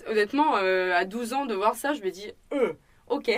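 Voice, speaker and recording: A woman's voice: medium pitch, moderate pace. Chatty young woman with a French accent. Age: young adult. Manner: chatty, many fillers, acts out dialogue. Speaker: restaurant owner and student guest. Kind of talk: casual interview storytelling.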